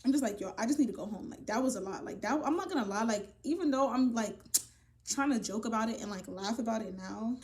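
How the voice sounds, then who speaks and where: A young woman casually telling a personal story to her viewers, animated and profane, often calling them y'all. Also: fairly high pitch, brisk. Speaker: vlogger. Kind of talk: storytime vlog.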